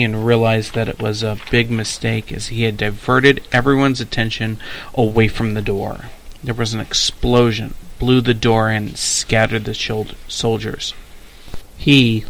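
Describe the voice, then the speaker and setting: A man's voice: fairly low pitch, creaky. A man reading an adventure story aloud in an unpolished way, with slips and restarts. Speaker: amateur story reader.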